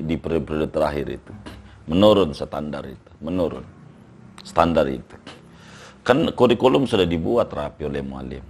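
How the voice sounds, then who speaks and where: An older man speaks in a very low, gravelly voice. He explains patiently as a scholar in an interview, often repeating his phrases. Now and then he reads classical Arabic text aloud. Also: darkish tone, slight background noise. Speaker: Islamic scholar, interview guest. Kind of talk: relaxed conversational interview.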